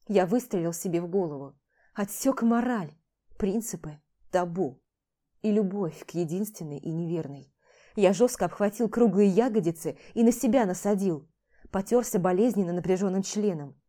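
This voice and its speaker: A woman reads a first-person novel with intense, emotional delivery. Her voice is dark and mellow, set at an ordinary middle pitch for a woman. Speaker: audiobook narrator.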